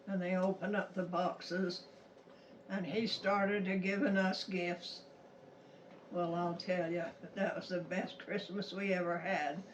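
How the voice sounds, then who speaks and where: Recorded a little far from the mic with faint noise, an elderly woman in her nineties speaks slowly. She has a rural Utah American accent and tells her story in a folksy, halting, plain-spoken manner. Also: mid-range voice, muffled recording. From Utah, United States. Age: 90s. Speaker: grandmother telling a childhood story. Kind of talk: casual personal storytelling.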